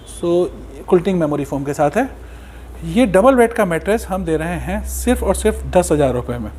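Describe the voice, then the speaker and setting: A man with an Indian accent and a fairly high voice delivers a conversational sales pitch as a company representative. He is emphatic and repeats his key points, with faint noise behind him. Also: lively intonation, normal speed, darkish tone. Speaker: company representative presenting a product offer. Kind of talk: sales pitch in conversation, mixing Hindi and English.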